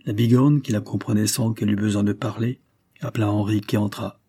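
Homme à la voix grave et sombre lisant un roman. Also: male voice, on the low side, fairly even intonation, brisk, warm tone, slightly rough, no echo, clean studio sound. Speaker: audiobook narrator. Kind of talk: literary audiobook reading.

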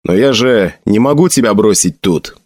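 A young hero in a spoken storybook, grief-stricken and sworn to vengeance, as a male narrator puts him on. His lines rise high and loud, pleading one moment and vowing fire the next. The recording is close and dry. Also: animated, moderate pace, dry recording. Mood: vengeful vow. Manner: pleading then vengeful shouting, raised voice. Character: young man mourning his friend, vowing fiery revenge.

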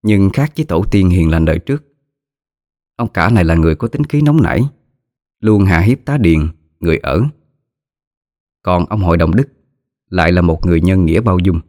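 A man narrating a story in a measured, dramatic way. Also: deep voice, lively intonation, darkish tone, dry recording, studio quality.

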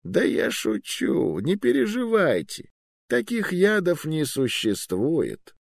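A man's voice: mid-range voice, huge pitch swings, unhurried, a little mellow, no room sound, studio quality, pitched above the performer's own voice, full character voice. A man voicing an old male wizard magister who is genial, polite and coolly ruthless, with a drawling manner. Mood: mildly cruel. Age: older. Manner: drawling, mild and polite while ordering deaths.

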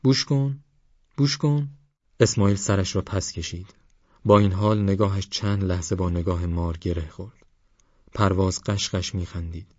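A man calmly narrating an audiobook novel in a measured storytelling voice. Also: sits low, no room sound. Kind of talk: scripted narration. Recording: dull dry studio recording.

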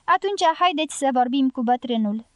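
A woman's voice: high-pitched, expressive, dry recording, clean studio sound. A woman reading the part of a blunt, teasing older guerrilla woman with a strong voice in a storybook reading. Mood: bold teasing. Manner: teasing, forceful.

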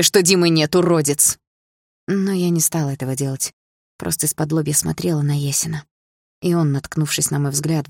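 Casting: low-voiced woman for first-person audiobook narration, husky and gravelly, restrained. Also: darkish tone, no echo, clean studio sound.

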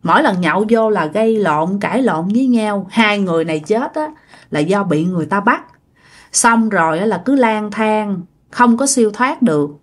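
A woman's voice: medium pitch, lively intonation, normal speed. Woman telling a ghost story, chatty, talks to listeners, voice bounces up and down a lot. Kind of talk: casual spoken ghost story.

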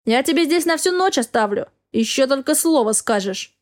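A woman reading the lines of a harsh, domineering husband who barks orders in a gruff manner. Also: very high-pitched, expressive, normal speed.

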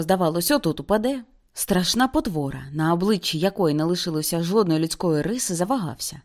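A woman reading a novel aloud as an audiobook, with intense dramatic narration that slows for grim moments. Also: on the low side. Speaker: audiobook reader.

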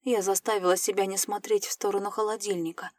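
A woman reads a first-person fantasy story aloud, with playful, lively storytelling. Her voice sits at a mid pitch, recorded close and dry with no room sound. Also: fast, dry recording. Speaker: audiobook narrator. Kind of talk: scripted first-person narration.

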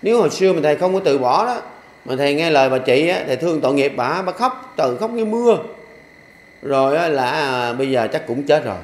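Speaking fast in a slightly high voice, an older man who is a Buddhist monk delivers a dharma talk as a sermon in a temple hall. He has a Southern Vietnamese accent and preaches folksily, cracking jokes and using rhythmic refrains that repeat. The recording captures an echoey hall and faint ambience.

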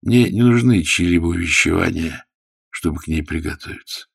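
A man's voice: low-pitched, moderate pace, exaggerated voice. A man doing a weak, defiant dying captain. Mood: calm. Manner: quiet, breathy, dismissive. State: weak and fading. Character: dying wounded male captain, defiant and scornful.

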